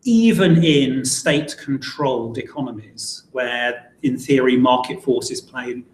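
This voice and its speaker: A man's voice: mid-range voice, unhurried. A man hosting a live webinar panel discussion. He often stumbles and repeats words as he starts a thought. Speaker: webinar host. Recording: echoey room, faint noise.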